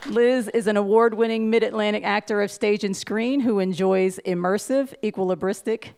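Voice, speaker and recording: At a live venue, a woman hosts a table read, introducing each cast member in an upbeat, announcing style with a gravelly fry. Her mid-range voice has fairly even intonation, a slightly mellow quality, and a normal speed. Slight background noise is audible.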